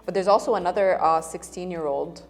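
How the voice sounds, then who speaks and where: A woman with a fairly low voice co-hosts a relaxed news chat. She talks in fast, filler-heavy bursts, and faint music plays underneath. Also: creaky. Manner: chatty, lots of fillers and quick bursts. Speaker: co-host.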